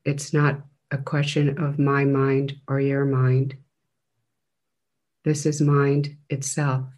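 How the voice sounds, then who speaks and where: This is a meditation teacher, a man, whose guidance unfolds at a very slow pace. Long, measured pauses break up his phrases, and his gentle delivery stays flat in pitch within a medium range.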